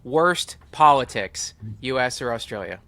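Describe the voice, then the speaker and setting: A podcast host who asks quick-fire questions in a light, joking way and laughs often. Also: medium pitch, lively intonation, bright, forceful tone, no echo. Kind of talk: casual interview chat.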